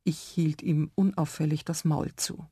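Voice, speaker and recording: A woman reading a children's radio story aloud in calm, clear first-person narration in a studio. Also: sits low, a little slow, dry recording.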